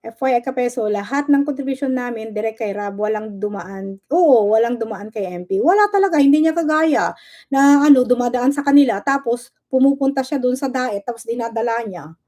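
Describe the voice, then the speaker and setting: A woman's voice: fairly high pitch, a little fast, mellow. A woman hosting her own livestream, ranting sarcastically at a rival and firing off rhetorical questions, with English words mixed into her talk. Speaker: livestream host. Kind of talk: casual livestream rant.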